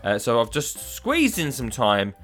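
Man, podcast host, lively and chatty, middling pitch, soft music underneath. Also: a little slow. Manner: upbeat and chatty with scattered ums. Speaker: podcast host, gardening educator. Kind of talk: casual podcast chat.

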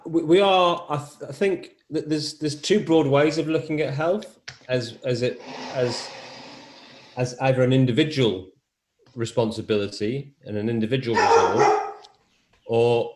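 Here a middle-aged men's health advocate from England is an interview guest, his mid-range voice carrying a faint English accent mellowed by years in Australia. He hesitates a lot, using fillers, restarts and repeated words, against slight background noise.

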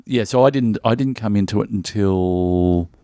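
A middle-aged Australian man from Melbourne, guesting as a comedian, keeps the interview chat casual with jokey stories and plenty of restarts. His voice is on the low side and dark, at normal speed, in a dry, clean studio recording.

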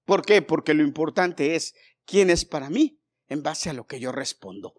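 A man preaching a sermon in a church, swinging between loud exhortation and hushed storytelling. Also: fairly high pitch, expressive, moderate pace.

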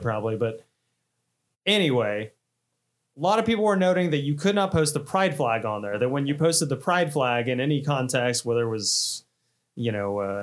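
A man, hosting a casual podcast chat, rambling and self-deprecating with frequent laughs. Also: medium pitch. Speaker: podcast host.

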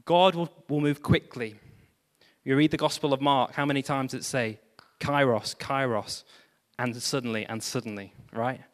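A man pastor preaching a sermon, animated, with self-deprecating humor and exclamations of praise. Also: mid-range voice, moderate pace, long reverb tail.

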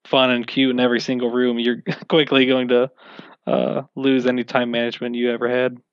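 A man's voice: mid-range voice, monotone, a little fast, smooth, no room sound, lo-fi sound. A man being interviewed about running tabletop games, answering in a casual, rambling and self-mocking way. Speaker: game master being interviewed.

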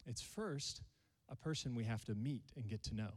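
A man's voice: mid-range voice, moderate pace, slightly rough, in a large hall. Man, pastor, sermon, playful. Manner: playful, jokes with the congregation. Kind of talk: sermon to a live congregation.

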